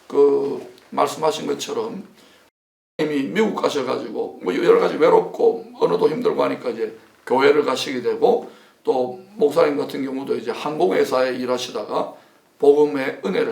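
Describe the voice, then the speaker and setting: A man's voice: medium pitch, gravelly, darkish tone. A man from South Korea preaching and hosting as a pastor, explaining emphatically with repeated phrases. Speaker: pastor and host. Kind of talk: sermon turning into interview. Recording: roomy echo.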